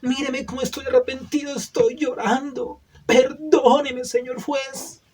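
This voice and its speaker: A man's voice: very high-pitched, level tone, a little slow, a little mellow, breathy edge, recorded from a distance, heavily acted. A man doing a remorseful killer pleading. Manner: pleading, tearful. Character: remorseful male murderer begging a judge.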